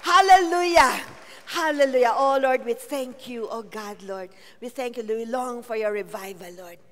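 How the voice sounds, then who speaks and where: A woman's voice: fairly high pitch, unhurried. A woman pastor with a Filipino accent, preaching in a casual mix of Tagalog and English and calling on the congregation for amens. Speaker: senior pastor. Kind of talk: sermon with congregational worship. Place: large church hall. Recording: church hall reverb.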